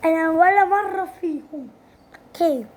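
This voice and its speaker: A woman with an Egyptian Arabic accent giving casual, excitable gameplay commentary, breaking into sudden squealing exclamations. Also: extremely high pitch, normal speed, slight background noise. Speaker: gaming channel host.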